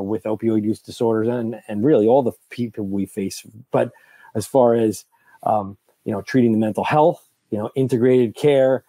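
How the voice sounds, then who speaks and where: A middle-aged man with a New Jersey accent, warmly guiding a talk on recovery care over a video call with an earbud headset. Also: medium pitch, no room sound. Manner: warm, encouraging, rambling with fillers. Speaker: clinician and interviewer. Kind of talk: conversational keynote interview on video call. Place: home room, indoors.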